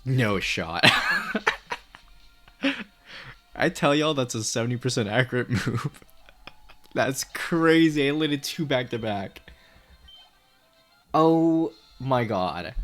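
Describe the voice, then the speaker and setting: A young man giving let's play commentary on a game, excitable, swearing a lot and laughing often. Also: medium pitch, slow pace, pauses often, soft background music. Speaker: gaming YouTuber.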